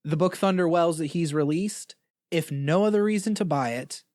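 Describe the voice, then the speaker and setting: A man's voice: on the high side, normal speed, a little mellow, no room sound, studio quality. Joking podcast co-host, a young man. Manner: joking, rambling, affectionate. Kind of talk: casual banter. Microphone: close dynamic studio mic.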